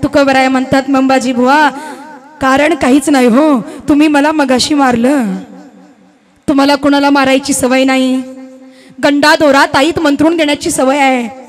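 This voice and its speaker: High-voiced woman kirtan preacher. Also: steady tone, moderate pace. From Maharashtra, India. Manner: dramatic, acts out characters' dialogue. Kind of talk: devotional storytelling sermon.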